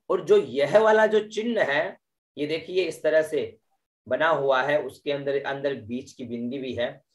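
Slow-chanting Vedic teacher, a man. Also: fairly high pitch. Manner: explains syllables slowly, then chants them drawn out; tags sentences with "है ना" and "ठीक है". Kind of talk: online class teaching mantra recitation.

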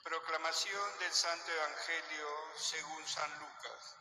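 A man serving as a priest, reading the Gospel and preaching at Mass at a measured, solemn pace with small restarts, his voice carrying a cathedral-like echo. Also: a little high, fairly even intonation, pushed and bright, faint music behind. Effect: cathedral-like echo with long reverb. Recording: echoey reverberant hall, faint noise.

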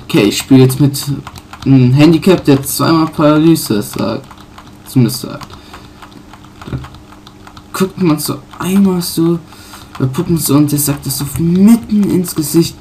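A man casually commenting on his own playthrough, pausing often with fillers and correcting himself. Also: fairly high pitch, mellow, a little hiss or hum. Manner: halting, many fillers and self-corrections. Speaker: let's player.

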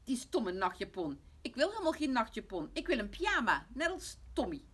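A woman's voice: high-pitched, very animated, moderate pace, pitched above the performer's own voice. A woman doing a stubborn little girl. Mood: upset. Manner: bright, pleading, girlish. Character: young girl, bold and stubborn. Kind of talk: storybook reading.

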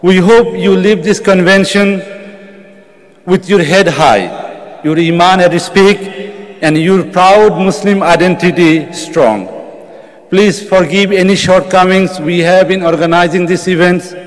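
A man's voice: high-pitched, fairly even intonation, a little slow, in a large hall. Middle-aged man reading a formal welcome. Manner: reads a prepared address at a podium. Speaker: convention welcome speaker. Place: large convention hall, on stage. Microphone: podium microphone.

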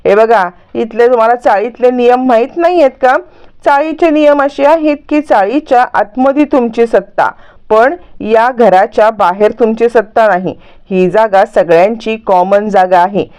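A woman's voice: fairly high pitch, moderate pace, a little mellow, clean tone, close to an everyday voice. A woman voicing a cheeky young boy who argues back and wails for his mother in a story recap. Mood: arguing.

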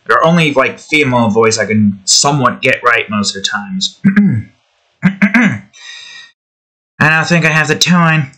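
Recorded at home on a desk microphone in a small room, this art video creator rambles aloud as he draws, now and then testing out different voices. His voice is medium in pitch, bright and pushed.

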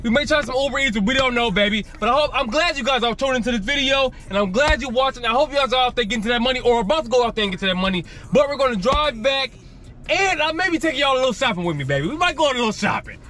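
Fast talking high voiced guy in his 30s, vlogging from the car, rhymes and says baby a lot, dash cam. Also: lively intonation, pushed and bright. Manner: hypes rhymes, keeps saying baby. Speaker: gig delivery driver vlogger. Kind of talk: casual ride-along vlog. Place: inside a car. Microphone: dash camera facing driver.

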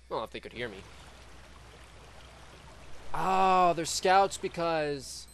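A man giving casual running commentary while he plays a game, excitable, with yelling bursts between muttered remarks. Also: a little high, takes it slowly, a little hiss or hum. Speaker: gameplay commentator. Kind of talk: casual live gameplay commentary.

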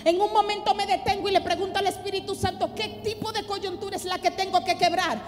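A woman pastor preaching a sermon, telling a personal testimony with dramatic, impassioned delivery that builds to loud exhortation. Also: very high voice, level tone, fast. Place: church congress hall. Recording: reverberant hall with music underneath.

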